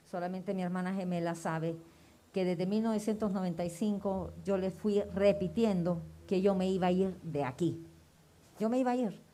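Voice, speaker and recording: Woman sharing a lively church testimony. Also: medium pitch. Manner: lively storytelling, acting out remembered dialogue. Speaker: church member giving testimony. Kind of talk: personal testimony sermon.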